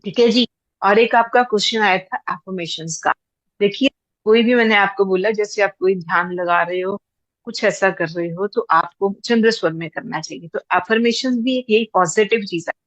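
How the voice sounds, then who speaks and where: A woman teaching in an unhurried, explanatory way, circling back to make each point clear. Her voice sits in a middle register, close and dry, with a slightly dull, lo-fi sound. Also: medium pitch, dry recording. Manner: patient, repeats points with everyday examples. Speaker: teacher of breath practice. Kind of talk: explanatory class talk.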